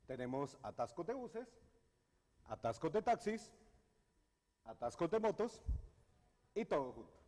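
A man's voice: fairly high pitch, very animated, measured pace, pauses often, darkish tone. A middle-aged man with a Colombian accent giving a technical conference talk, hesitant, with many fillers and restarts. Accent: Colombian Spanish. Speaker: conference speaker. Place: university lecture hall with audience. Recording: hall reverb in a lecture hall.

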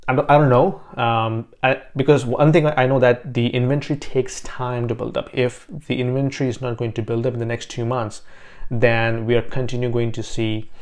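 A man in his thirties talks through the housing market to camera, in a mid-pitched voice. He is casual and thoughtful and often pauses on fillers and restarts. The sound is close and clean from a lapel mic in a small home office. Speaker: realtor and finance vlogger.

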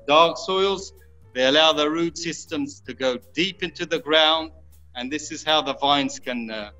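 An Israeli winemaker in his thirties, appearing as a guest, gives an informal virtual tour from an underground stone wine cave, pausing and repeating words as he explains his work. His voice is on the high side, bright and forceful. The audio is dull, lo-fi video-call sound from a phone or laptop at arm's length, with music behind.

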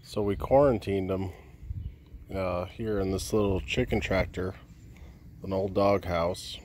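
A man in his thirties vlogging outdoors in a rural backyard, talking in a subdued, halting way with frequent pauses, into a phone held at arm's length. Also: sits low, steady tone, a little mellow, a little hiss or hum. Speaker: homestead vlogger. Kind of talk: casual vlog talk. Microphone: phone camera held at arm's length.

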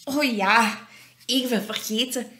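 A woman's voice: a little high, very animated, unhurried, vocal fry, full character voice. A woman voicing a cheerful, mischievous little female fairy with a playful manner. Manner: bright, playful.

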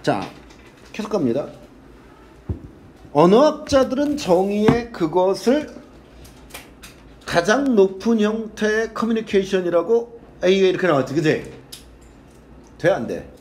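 A male English teacher lectures a classroom in a loose, casual way. His voice sits high and swings widely in pitch. He reads passages slowly, translates them, and swears bluntly at his students. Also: big pitch swings, darkish tone, a little hiss or hum.

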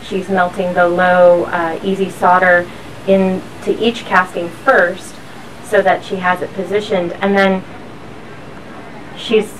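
Slowly and in a flat, fairly low voice, a woman guides a walk-through tour, explaining the factory step by step. Machinery and workshop noise from the busy floor surround her, recorded through a somewhat distant mic.

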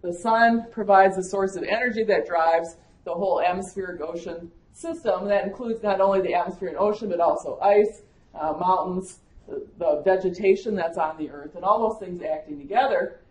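Her voice is on the low side and darkish, delivered at normal speed: a Michigan-born agricultural climatologist with a Wisconsin accent, giving a chatty conference talk peppered with fillers. The lecture room has a noticeable echo.

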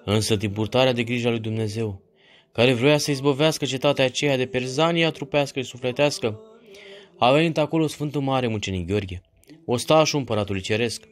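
A man giving a solemn, measured devotional reading of a saint's legend. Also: medium pitch. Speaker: reader of a saint's life.

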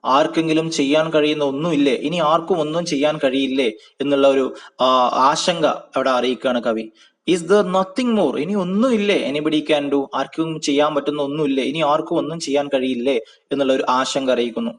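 A man with a Malayali accent teaching a lesson, reading English lines slowly, then translating and explaining them, and asking and answering his own questions. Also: on the high side. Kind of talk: explaining song lyrics in a lesson.

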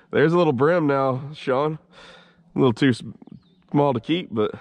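A man with a mid-range voice talks at a measured pace in a dry, lo-fi recording. Fishing from a kayak on a swampy creek, he narrates casually into a head-mounted action camera, relaxed, chatty and swearing freely.

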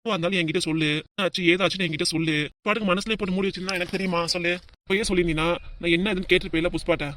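A performer voicing a calm older husband in a cartoon comedy, with a southern Tamil accent and a soothing, placating way of talking. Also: medium pitch, rapid-fire, a little hiss or hum, lightly acted. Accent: southern Tamil, Tirunelveli.

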